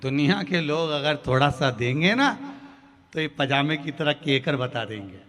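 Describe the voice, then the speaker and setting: A male preacher tells a parable, slipping into the voices of its characters with lively exaggeration. His voice is bright and sits a little high. It rings with a long reverb over faint music. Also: normal speed. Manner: acts out the story's characters with lively exaggerated dialogue. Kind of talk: Hindi religious discourse with storytelling.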